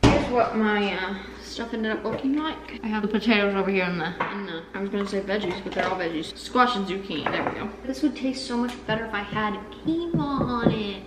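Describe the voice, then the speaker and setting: Talking fairly quickly with few pauses, a medium-pitched young adult vlogger chats and rambles in a casual food vlog, self-deprecating and full of "like" fillers. The distant camera on her home kitchen counter captures a roomy sound with hiss.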